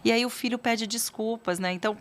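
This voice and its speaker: A woman's voice: on the high side, steady tone, a little fast. A woman guest, a parent educator, talking casually and acting out quoted conversations between parents and children. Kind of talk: casual interview talk.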